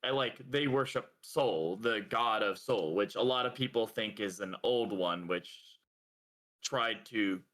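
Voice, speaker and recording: A young man with a bright, forceful voice co-hosts a casual podcast. He rambles along, padding his talk with fillers and breaking into laughter now and then. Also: on the low side, measured pace. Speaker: podcast co-host. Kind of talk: casual chat.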